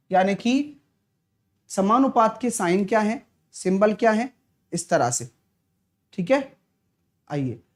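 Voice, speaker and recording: A male maths teacher with a sore throat, giving a live online class in a soft voice and clearing his throat often. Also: high voice. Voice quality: clears throat often, talks softly to spare it. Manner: chatty, teasing, answers viewers' comments.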